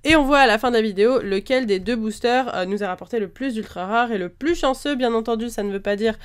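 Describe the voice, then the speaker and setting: A woman with a slight cold hosts a card-opening video, chatting casually as she opens trading card packs and lists each card one after another with frequent hesitant "euh" fillers. Her voice is a little high, fast and clean in tone.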